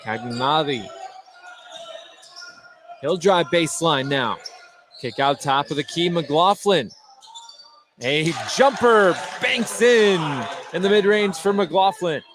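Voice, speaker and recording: Slightly high and animated, this man's voice moves slowly with frequent pauses as he delivers live radio play-by-play of a basketball game. The setting is a high school gym during play, where the noisy recording captures game noise and the thud of bouncing balls.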